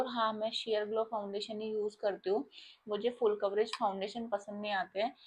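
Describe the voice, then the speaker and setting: A woman's voice: medium pitch, lo-fi sound. Indian woman touring her makeup kit. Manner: explains step by step, addresses viewers directly. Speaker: makeup artist. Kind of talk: casual product walkthrough.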